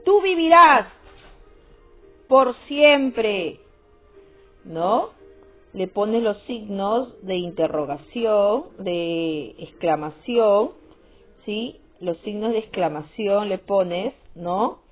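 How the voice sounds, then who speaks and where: A woman's voice: mid-range voice, takes it slowly. A woman teaching a grammar lesson, often checking understanding with short questions. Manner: repetitive, checks with frequent "¿sí?" and "¿no?". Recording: tinny phone-like sound with faint music.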